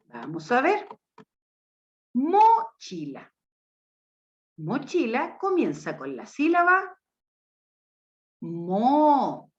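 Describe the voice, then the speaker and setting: A woman teacher guides young children through a phonics lesson, slow and deliberate, with her pitch swinging up to cue and praise them. The recording sounds dull and lo-fi. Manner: slow, emphatic, rises for praise and cues.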